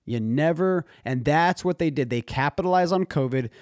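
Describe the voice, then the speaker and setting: A young man talking on a casual podcast, his voice fairly high and recorded dry and close. He presses his points earnestly and drops in bro and dude. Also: moderate pace, darkish tone, no room sound. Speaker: podcast co-host. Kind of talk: casual chat.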